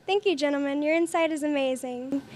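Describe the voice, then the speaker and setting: A teenage girl acting as anchor in a student news parody, with a bright announcer delivery. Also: high voice, brisk.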